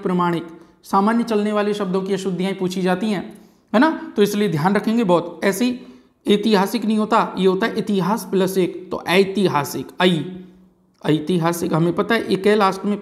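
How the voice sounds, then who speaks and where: Teacher drawing out words. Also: male voice, high voice. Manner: repeats key words slowly, frequent "है ना" and "ठीक है जी". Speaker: Hindi grammar teacher. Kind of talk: exam-prep lecture.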